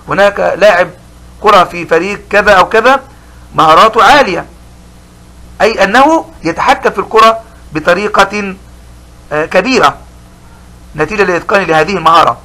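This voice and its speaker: High, bright-voiced man teaching a lesson. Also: poor audio. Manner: slow, explanatory, repeats key words. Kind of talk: recorded school lesson.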